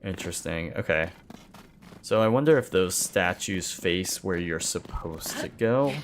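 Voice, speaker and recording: A man's voice: deep voice, animated, unhurried, a little hiss or hum. A man in his thirties chatting casually while streaming a game, rambling, muttering to himself, laughing and swearing now and then. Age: 30s. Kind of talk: casual livestream chat while playing.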